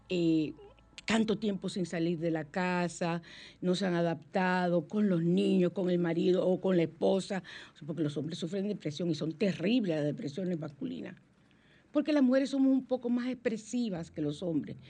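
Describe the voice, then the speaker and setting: A woman's voice: on the low side, dark tone, slightly rough. A middle-aged woman, a psychologist hosting a conversational radio show, who acts out quoted dialogue in a raised voice. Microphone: studio microphone.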